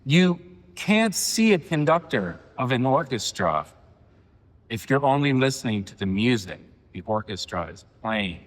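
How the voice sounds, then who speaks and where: A man in his forties giving a poetry reading, with halting, filler-heavy asides between poems. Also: mid-range voice, fairly bright tone, long reverb tail. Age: 40s. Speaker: poet. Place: reading venue.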